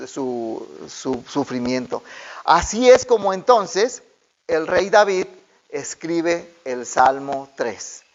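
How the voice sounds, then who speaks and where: A man's voice: fairly high pitch, muffled recording. A man preaching a conversational Bible study sermon, with many "eh" fillers and repeated words. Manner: frequent "eh" fillers and repeated words, acts out quoted speech. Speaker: pastor.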